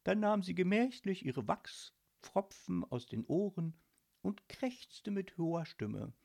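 A woman narrating a spooky children's storybook in a dramatic, expressive reading. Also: fairly low pitch, slow, vocal fry, slightly rough.

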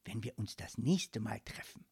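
A woman voicing a cheerful, vain male ghost in striped pajamas who talks in breathy, secretive whispers. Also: extremely low pitch, lively intonation, normal speed, mellow, pitched below the performer's own voice, exaggerated voice. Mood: serious.

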